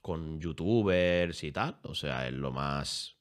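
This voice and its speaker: A deep-voiced man talks over a video on his livestream. He jokes crudely and swears freely, in a casual reaction style. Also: expressive, takes it slowly, clean tone. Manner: crude, joking, swears a lot.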